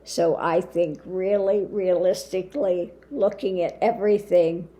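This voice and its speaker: A woman hosting a spiritual channel gives a casual monologue to camera in a low, mellow voice weakened and limited after throat surgery. She speaks slowly and haltingly, using many fillers.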